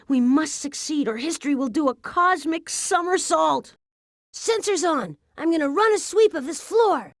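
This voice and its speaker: A woman's voice: high-pitched, lively intonation, moderate pace, no echo, clean studio sound. A woman voicing an eager, chirpy little robot guide. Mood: upbeat. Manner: upbeat, instructive. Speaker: game guide. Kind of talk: 1990s educational game voice acting.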